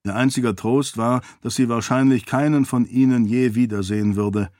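A man narrating a fantasy novel in calm, even audiobook style. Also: mid-range voice, normal speed, no echo, clean studio sound. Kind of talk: scripted narration.

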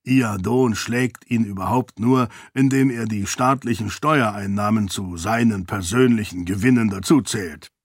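Casting: stout wry uncle, voiced by a man, deep gravelly rasp, low and husky, dry close sound. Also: a little slow, few pauses, no room sound. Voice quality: deep, raspy.

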